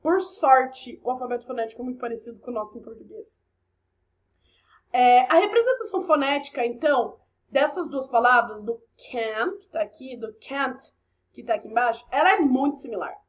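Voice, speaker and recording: A woman's voice: on the high side, expressive, moderate pace, highs cut off. A Brazilian woman teaching an English class, explaining step by step with chatty asides and frequent "ok?" checks. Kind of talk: recorded online class explanation.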